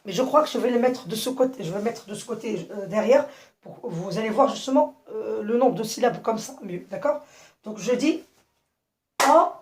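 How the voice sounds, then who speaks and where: A woman teaching young children a phonics lesson, speaking slowly and clearly, repeating and spelling out words and often checking they follow. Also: on the high side, a little mellow. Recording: echoey room, voice from a distance.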